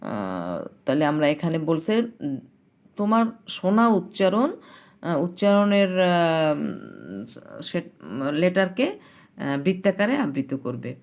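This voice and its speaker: A woman with a Bangladeshi accent teaching an English lesson to young pupils, spelling words letter by letter and reading English sentences slowly. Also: lowish voice, sing-song, a little mellow. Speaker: primary school English teacher. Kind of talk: recorded classroom lesson.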